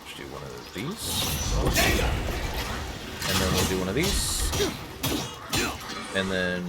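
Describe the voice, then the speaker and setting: Hosting a game playthrough, a man offers casual, joking commentary with playful mock-heroic asides. His low voice swoops wildly in pitch and he speaks slowly. The recording is very noisy, with video game sounds behind him.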